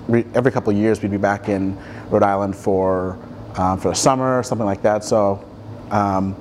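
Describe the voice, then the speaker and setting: A young man with a low voice talks about himself in a quiet studio, pausing often with ums and restarting sentences as he thinks. His delivery is relaxed and unhurried. A faint hiss sits under the recording. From Ethiopia, raised across Africa. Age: 20s. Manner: thoughtful, many ums and restarts. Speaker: guest artist. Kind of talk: relaxed interview answers. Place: dim studio with armchairs.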